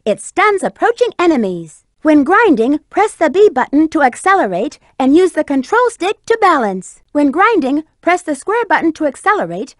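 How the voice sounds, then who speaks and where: A woman voicing a sultry, confident female bat treasure hunter in a video game, with crisp, coquettish, instructive delivery. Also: sits high, very animated, moderate pace, hardly any pauses, no echo, clean studio sound. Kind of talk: video game voice acting, tutorial hints.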